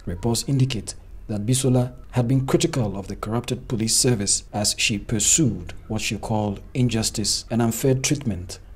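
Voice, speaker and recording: A man reading a news report in a steady, formal way. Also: lowish voice, normal speed, breathy edge. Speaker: news narrator. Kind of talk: scripted news narration.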